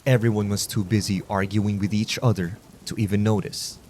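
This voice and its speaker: A man narrates horror stories at a measured, low-key pace, meant to lull listeners to sleep. His voice sits low and steady. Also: slight background noise. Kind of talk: calm scripted sleep-story narration.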